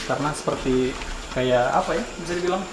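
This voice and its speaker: A man's voice: fairly high pitch, brisk. A man hosting a casual night exploration vlog, speaking hesitantly as he searches for words. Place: school building at night. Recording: clear night insect noise behind.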